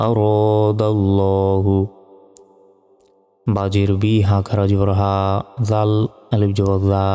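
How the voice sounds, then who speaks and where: A man's voice: on the low side, dark tone, clear, resonant tone. A man teaching Quran reading with a Bangladeshi Bengali accent, spelling out each letter and vowel mark syllable by syllable before chanting the words. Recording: reverberant hall sound with faint music.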